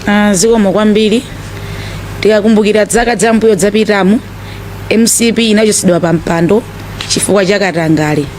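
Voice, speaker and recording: A man's voice: high-pitched, fairly even intonation, fairly quick. A man with a Malawian accent making a political statement at a press briefing. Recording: noisy live recording with vehicle sounds.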